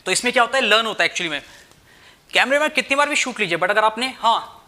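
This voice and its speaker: A man's voice: sits high, animated, fast, pushed and bright, a little hiss or hum. A young man teaching chemistry, mixing Hindi and English, who keeps asking rhetorical questions and checking "theek hai" with his students. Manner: addresses students as "bhai". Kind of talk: explaining at a whiteboard, Hindi-English mix.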